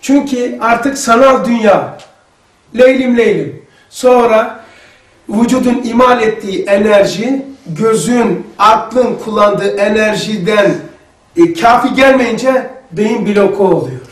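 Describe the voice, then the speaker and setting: Male religious teacher, high voice, lively storyteller, roomy sound from off-mic. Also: slow pace, far from the mic. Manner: lively storytelling, acting out dialogue. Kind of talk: religious lesson to a group. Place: lesson room.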